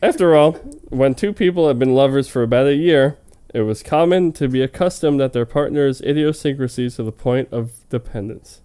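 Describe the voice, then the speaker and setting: Reading fan fiction on a comedy show, a man hams it up in mock-dramatic fashion and keeps breaking off to comment with casual amusement. His voice is clean and dark in tone, medium in pitch, at a normal speed.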